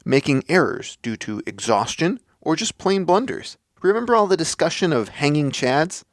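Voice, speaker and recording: Measured male podcast host, dry sound. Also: mid-range voice, no room sound. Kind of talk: scripted explanatory monologue.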